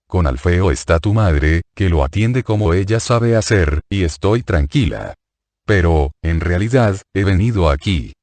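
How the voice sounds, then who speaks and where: A male reader voices a grieving older woman who pours out anguished, pleading questions. His voice is very deep and low with a darkish tone, recorded close and dry with no room sound at all.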